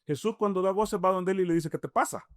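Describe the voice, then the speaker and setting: A Salvadoran-accented man with a fairly high voice talks through his points in a relaxed, conversational way. He builds each argument step by step, poses rhetorical questions and keeps checking in with a quick "mm?". The sound is close and dry, with no room echo. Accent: Salvadoran Spanish. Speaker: imam, interview guest. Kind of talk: conversational explanation.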